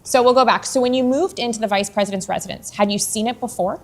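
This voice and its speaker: A woman hosting a podcast, asking questions in a brisk, upbeat way. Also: fairly high pitch. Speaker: podcast host. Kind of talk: podcast interview.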